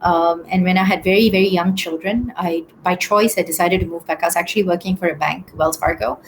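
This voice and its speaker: A woman, answering questions in a business webinar over a video call, with many pauses and restarts. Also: fairly low pitch, fairly even intonation, slight background noise, poor audio. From Singapore. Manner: hesitant, many ums and restarts.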